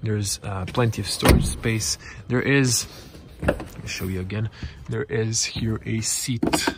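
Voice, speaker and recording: A young man whose first language is Croatian, giving a casual walkaround car review in a showroom, talking haltingly with many fillers into a handheld camera. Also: fairly low pitch, fairly even intonation, heavy background noise. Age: young adult. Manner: halting, many fillers, non-native phrasing. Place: car dealership showroom, inside a car. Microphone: handheld camera close to face.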